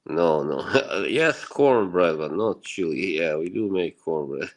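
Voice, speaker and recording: Chatting casually with live viewers, a livestream host from Bosnia rambles along reassuringly and laughs frequently. He speaks slowly in a low, expressive voice.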